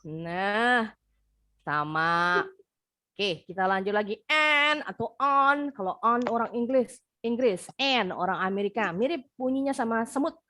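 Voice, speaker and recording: A woman's voice: medium pitch, fairly bright tone, no echo, clean studio sound. Patient Indonesian woman teaching English. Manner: patient, explains slowly, repeats words for pronunciation. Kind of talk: online class teaching. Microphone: video call.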